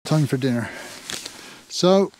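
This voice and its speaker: An Englishman in his sixties vlogs outdoors on an open hilltop, chatting casually and wryly to the camera through a clip-on lapel mic. His medium-pitched, darkish voice has lively intonation and an unhurried pace, with a little hiss or hum in the recording.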